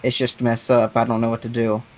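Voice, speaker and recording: Teen dude on a headset call, sounds robotic, deadpan little jokes, mid pitch. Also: male voice, a little fast, slight background noise. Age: late teens. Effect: robotic distortion. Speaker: guest writer. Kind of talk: casual chat over voice call. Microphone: headset over voice call.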